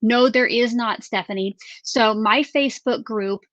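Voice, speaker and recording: A woman's voice: fairly high pitch, measured pace, a bit bright, no echo, dull audio. A woman hosting a craft live stream in casual chat. She reads out viewer names and questions in an upbeat way.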